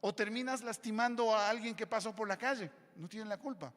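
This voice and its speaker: A male pastor preaching a sermon, switching between loud emphatic lines and quiet low asides. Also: brisk. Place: church hall. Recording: long church hall reverb.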